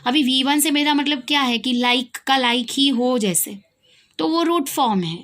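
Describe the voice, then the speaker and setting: A young woman with an Indian accent and a high, slightly bright voice teaches an English grammar lesson a little slowly. She poses questions to her students, answers them herself, and repeats key points.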